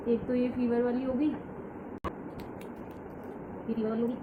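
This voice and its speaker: A feverish woman vlogs from home, speaking casually and directly to her viewers in a slightly high voice. The recording sounds dull and roomy, with steady noise behind her. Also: slow. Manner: chatty, addresses viewers directly. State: sick with fever. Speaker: vlogger. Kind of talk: casual vlog chat to camera. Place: at home, indoors. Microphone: camera set in front of her. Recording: echoey room, dull and noisy.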